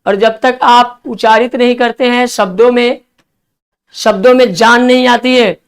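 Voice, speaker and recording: Male vocabulary teacher, clear resonant delivery, spelling letter by letter, hurrying his class along. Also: very high-pitched, fairly even intonation. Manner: spells words letter by letter, coaxing students to write fast.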